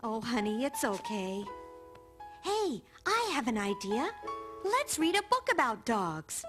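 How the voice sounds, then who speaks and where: A woman voicing a patient cartoon grandmother who gently coaxes and reassures a frightened child. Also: fairly high pitch, very animated, slow pace. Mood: reassuring. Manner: soothing, coaxing, reassuring. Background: music.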